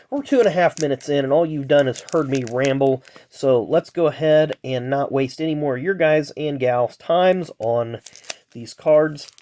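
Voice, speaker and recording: A man's voice: medium pitch, a little mellow, slight background noise. A man with a stuffed-up, nasal voice gives chatty, casual commentary as a video host, reeling off names and adding asides. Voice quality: nasal, congested, blocked nose. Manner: chatty, reels off names then adds asides. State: stuffed-up sinuses. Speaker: host of a racing trading card pack-opening video.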